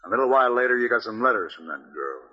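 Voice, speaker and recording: A man playing a stern, relentless gunfighter in an old radio Western, speaking with deliberate menace. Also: medium pitch, big pitch swings, breathy edge. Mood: grave. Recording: muffled reverberant vintage radio recording.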